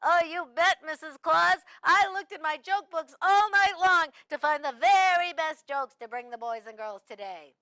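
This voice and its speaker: A woman's voice: extremely high pitch, moderate pace, few pauses, bright, forceful tone, dry recording, heavily acted. A woman voicing eager joke-teller Freddie. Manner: eager, chatty, jokey. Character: eager joke-telling sidekick Freddie, childlike.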